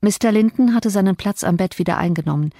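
A woman narrating a classic novel as an audiobook, in measured, even storytelling. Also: medium pitch, no room sound, studio quality. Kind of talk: scripted literary narration.

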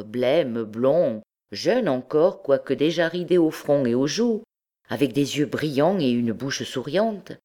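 Une lectrice à la voix grave et expressive. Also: female voice, a bass voice. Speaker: audiobook reader. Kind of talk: literary audiobook narration.

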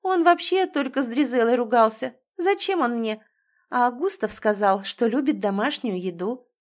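A woman's voice: on the high side, expressive, moderate pace, natural voice. A woman voicing a naive, dreamy young stepsister who speaks sincerely. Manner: sighing and sincere.

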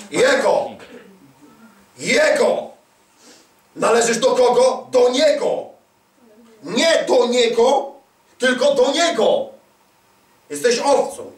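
A man's voice: high voice, distant mic. A man preaching an emphatic sermon, repeating lines and calling for answers from the crowd. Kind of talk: charismatic sermon. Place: large hall at a church conference. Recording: echoey hall, voice away from mic.

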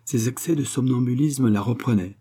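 A man narrating a novel in a measured, expressive reading. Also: mid-range voice, husky. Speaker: audiobook narrator. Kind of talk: scripted narration.

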